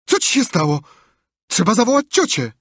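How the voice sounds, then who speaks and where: A man voicing a frightened young boy who pleads in a shrill, alarmed voice, read in an audiobook. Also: very animated, moderate pace, fairly bright tone, no room sound, clean studio sound, exaggerated voice.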